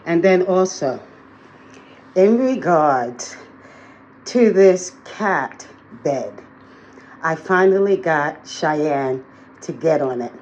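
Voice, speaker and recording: A woman's voice: sits low, animated, very slow, pauses often, darkish tone, dull audio, slight background noise. A woman talking casually to her viewers in a day-in-the-life vlog, chatty and full of fillers, recorded on a handheld phone. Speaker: vlogger. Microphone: phone held in hand.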